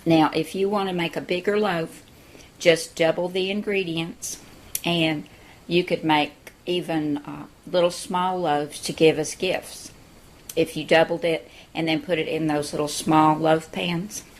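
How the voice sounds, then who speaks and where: A woman's voice: low voice, fairly even intonation, a little slow. A woman hosting a cooking show from her home kitchen, chatting through a recipe step by step. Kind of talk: friendly cooking demonstration.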